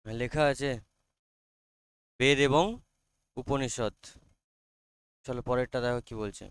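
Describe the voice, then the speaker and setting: A male teacher with a Bengali accent running a classroom lesson, quizzing his students and reading English lines slowly aloud. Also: medium pitch, steady tone, smooth, no echo.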